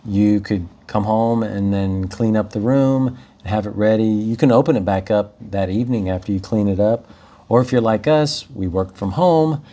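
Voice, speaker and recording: A man's voice: fairly low pitch, normal speed, mellow. A man who hosts short-term rentals, explaining tips in an easygoing, casual advice chat.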